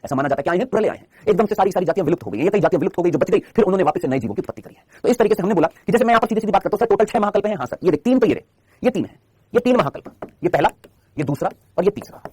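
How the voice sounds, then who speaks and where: A man with a high, very lively voice races through a live online biology lesson in Hindi, firing questions at his students and answering them himself. His voice is a little husky. It sounds close and dry, with no room echo. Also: very fast. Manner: quizzing students with constant rhetorical questions. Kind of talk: live online class lecture.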